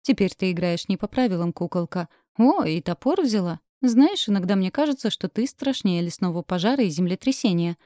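A woman's voice: mid-range voice, animated, brisk, few pauses, warm tone, dry recording, clean studio sound, close to an everyday voice. A woman voicing a mocking, teasing burly bearded man in an audiobook.

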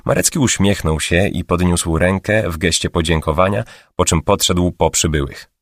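A man calmly narrating an audiobook in a steady reading voice. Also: deep voice, moderate pace, dry recording, clean studio sound. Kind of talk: scripted narration.

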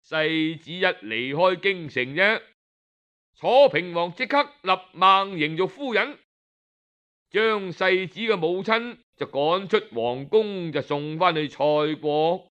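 Speaking in a smooth, rather high voice, a man with a Cantonese accent tells a story in the traditional oral manner. His delivery is colloquial and expressive, and he stretches out his particles.

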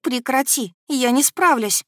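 A woman's voice: takes it slowly, no room sound, clean studio sound. A woman playing a frantic, terrified young heroine. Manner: frantic, high, shouting pleas. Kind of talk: audiobook character voice.

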